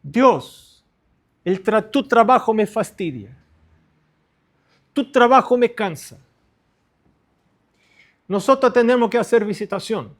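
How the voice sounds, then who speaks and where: High-voiced man preaching slowly. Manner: earnest and repetitive, stressing short phrases. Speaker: pastor. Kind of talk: sermon to pastors.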